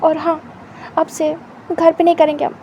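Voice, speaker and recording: Woman doing a shy flustered young guy in a storybook, huffy, high and flat. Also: moderate pace, dull audio, a little hiss or hum, close to an everyday voice. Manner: protesting, huffy.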